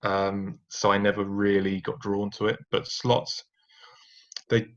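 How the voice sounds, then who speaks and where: Speaking unhurriedly in a flat, lowish, slightly bright voice, a male podcast guest looks back on his own life story. He is reflective, stumbling through many fillers and restarts and now and then laughing ruefully. The sound quality is dull and lo-fi.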